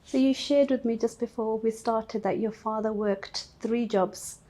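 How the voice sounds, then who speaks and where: A woman's voice: a little high, steady tone, measured pace, mellow, a little hiss or hum. A woman hosting an interview, greeting her guest and asking questions in an inviting way. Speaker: host. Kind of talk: interview host.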